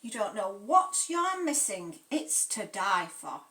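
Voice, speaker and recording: A woman's voice: medium pitch, very animated, slow pace, bright, forceful tone, full character voice. A woman reading aloud and voicing a brash, greedy woman judge who gloats. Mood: gloating.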